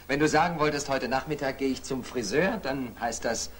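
A man's voice: mid-range voice, fairly quick, fairly bright tone, a little hiss or hum, natural voice. An actor playing an earnest, protective male language tutor who corrects his pupils, in old German film acting. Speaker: language teacher.

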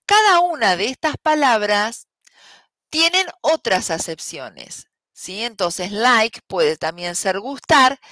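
Bright, lively woman teacher. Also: fairly high pitch, no echo. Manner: patient, explains step by step with frequent ¿sí? checks. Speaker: English teacher. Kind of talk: online class explanation.

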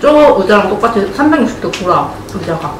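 A woman's voice: medium pitch, fairly quick. Woman talking with a full mouth. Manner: explains plainly in short relaxed phrases. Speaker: family mukbang vlogger. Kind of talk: casual table chat while eating. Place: home dining table, indoors. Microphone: camera set some distance off. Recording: echoey room, far from mic, noisy. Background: clinking cutlery and dishes.

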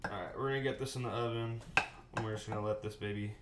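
This cooking show host, a man in his thirties, talks fast in a lowish, steady voice while cooking in a small home kitchen and answering live chat. He moves around a fixed camera mic, so the sound is roomy, with kitchen clatter and running water in the background.

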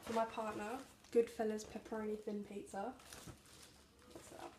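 Young woman vlogger, chatty label-reading haul talk, slight gravel, echoey kitchen with noise behind. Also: mid-range voice, flat delivery, moderate pace. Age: young adult. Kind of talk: casual grocery haul vlog. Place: small home kitchen, indoors. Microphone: camera at arm's length.

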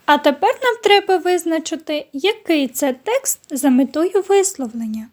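A woman from Ukraine teaching a recorded online lesson to young pupils. Her voice sits high and light, and she gives each instruction slowly and clearly. She keeps turning to the children with questions. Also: lively intonation. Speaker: primary school teacher.

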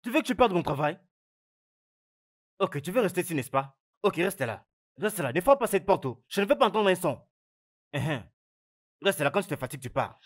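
A nervous servant guarding the gate, eager not to lose his job. His husky voice swings up and down with anxious deference. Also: high-pitched, very animated, fairly quick, pauses often. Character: nervous male gatekeeper servant. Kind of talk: French-dubbed film acting.

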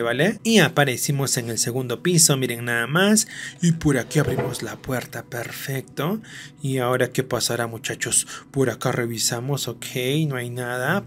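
A man doing let's-play commentary, excitable and always talking to his viewers. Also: medium pitch, slight background noise. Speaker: gaming host.

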